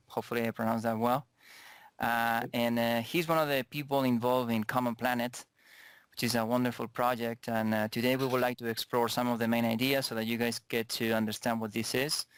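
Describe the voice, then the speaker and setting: A man's voice: medium pitch, fairly bright tone, clean tone, no echo. A man hosting an online interview over a video call, introducing his guest politely and a little hesitantly. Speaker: host.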